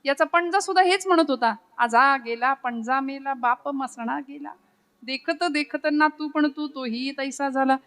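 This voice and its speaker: A woman's voice: sits high, unhurried, a bit bright. A woman preacher voicing the ancient mother earth, mocking human claims to land. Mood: knowing. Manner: knowing, mocking.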